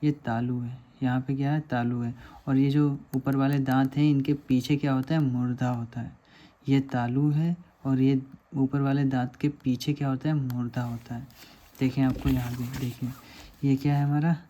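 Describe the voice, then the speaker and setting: A man's voice: mid-range voice, level tone, normal speed, dark tone. A man teaching a lesson over diagrams, patiently asking questions and answering them himself.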